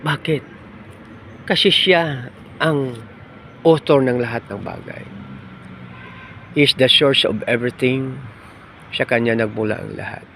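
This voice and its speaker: Outdoors among trees, a man with a medium-pitched, bright, forceful voice preaches a devotional sermon in a conversational manner. He keeps asking "no?", calls listeners "friends," and mixes in English phrases, with slight background noise.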